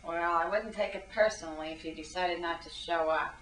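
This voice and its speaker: A man's voice: a little high, fairly even intonation, brisk, a bit bright, pitched above the performer's own voice, close to an everyday voice. A man voicing a cold, dismissive older female teacher with a dry way of talking. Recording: roomy and distant.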